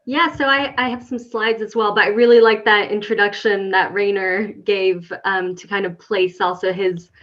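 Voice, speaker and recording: A woman scientist born in Finland speaking on a webinar panel, pausing and restarting often as she talks about her work. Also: mid-range voice, steady tone, a bit bright. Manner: hesitant, many restarts and fillers. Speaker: guest scientist. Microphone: video call. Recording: dull lo-fi video call audio.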